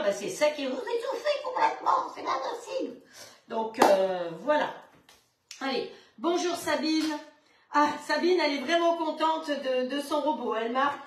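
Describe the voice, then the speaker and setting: A woman with a bright, high voice runs a live cooking demonstration, chatting away as she works. She greets her viewers one by one by name. Her voice carries the echo of a hard room, and she stands a little away from the microphone. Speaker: cooking show host on a live stream. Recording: echoey room, mic at a distance.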